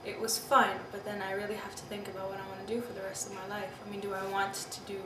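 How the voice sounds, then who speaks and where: A distant mic in a roomy space, with background noise, captures a woman from Pakistan in her twenties candidly reflecting on her own experiences in an interview. She speaks fast and monotone in a mid-range voice, saying "you know" and "I mean" often.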